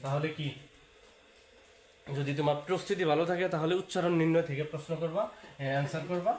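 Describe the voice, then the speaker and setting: A man's voice: on the high side, fairly even intonation, quick pace, darkish tone. A man giving an exam-prep lecture to students, repeating key points and mixing in English words. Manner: repetitive, talks straight to students, sprinkles English words. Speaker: teacher. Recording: echoey room with faint hiss.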